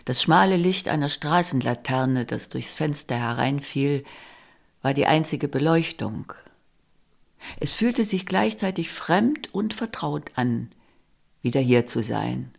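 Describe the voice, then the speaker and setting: Slow, gravelly woman reading a novel. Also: low-pitched, expressive. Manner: measured, intimate first-person narration. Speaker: reader. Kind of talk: literary reading of a novel excerpt.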